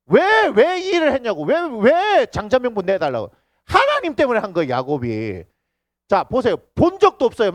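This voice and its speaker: A middle-aged male pastor with a Gyeongsang Korean accent, preaching a lively sermon in a church. He acts out quoted voices and keeps asking the congregation questions. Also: high-pitched, no echo. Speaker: senior pastor. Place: church sanctuary.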